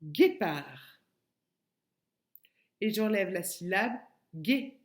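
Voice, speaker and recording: A woman with a French accent teaches a young child slowly and patiently. She breaks each word into its syllables, and her pitch rises and falls with a lot of movement. The whole thing is a recorded lesson for a child working at home. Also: animated. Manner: slow, patient, spells words out syllable by syllable. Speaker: kindergarten teacher.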